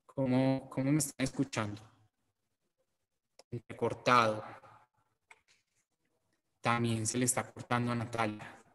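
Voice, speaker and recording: A man teaching an online class over a video call, his audio choppy and cutting out, talking in an unhurried way with fillers. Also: mid-range voice, little pitch movement, fairly bright tone. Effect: choppy, breaking-up video-call audio.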